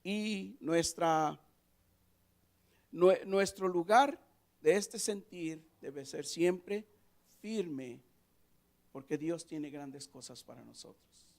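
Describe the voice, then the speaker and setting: Male pastor with a high voice and an unhurried delivery, preaching in a church. He repeats key phrases and swings between hushed asides and loud, fervent peaks. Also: gravelly. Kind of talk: Spanish-language sermon and closing prayer. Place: church sanctuary.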